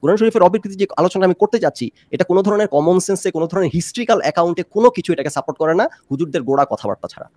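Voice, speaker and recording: Fast-talking, argumentative Bangla man. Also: sits high, expressive, a little mellow, dry recording, studio quality. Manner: argumentative, mixes English phrases into Bangla. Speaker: discussion panelist. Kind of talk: fast-paced debate.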